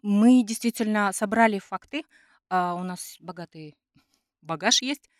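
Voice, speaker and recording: A woman's voice: mid-range voice, measured pace, no room sound, studio quality. A woman co-hosting a podcast in a conversational style, sometimes hesitantly searching for her words. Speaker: podcast co-host. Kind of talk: conversational podcast discussion with read-out quotations.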